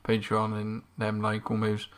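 A man's voice: fairly low pitch, monotone, measured pace, a bit bright. A man chatting casually as a podcast co-host, giving his opinions in discussion.

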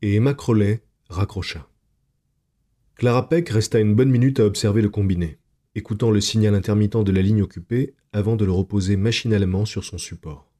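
Low husky guy reading a spooky story slow and hushed, mellow tone. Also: fairly even intonation. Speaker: narrator. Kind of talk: scripted narration of night tales.

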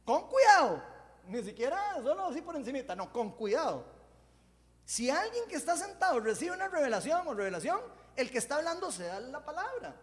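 High-voiced animated preacher in a hall. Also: male voice, fairly quick. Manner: animated, jokey, conversational preaching. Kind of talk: sermon.

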